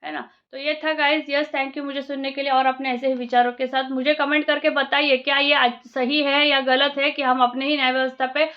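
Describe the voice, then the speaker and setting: High-voiced woman scolding in a reaction vlog. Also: level tone, fairly quick, few pauses, lo-fi sound. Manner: indignant, scolding, rhetorical questions; mixes in English phrases. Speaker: vlogger reacting to a video. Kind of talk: heated reaction monologue.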